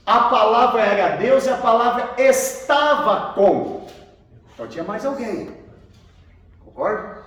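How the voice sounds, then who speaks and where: A Brazilian pastor with an extremely high, animated, slightly bright voice speaks a little slowly with long pauses while teaching a classroom theology lesson. He quizzes students about the Bible and often repeats their answers, in a Brazilian Portuguese accent. He's heard from far off in a large, echoey room with students, with faint noise.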